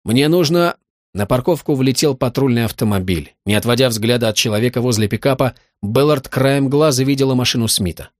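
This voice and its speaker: Male audiobook narrator, mid pitch, dry close studio sound, steady. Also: no echo. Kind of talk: scripted narration.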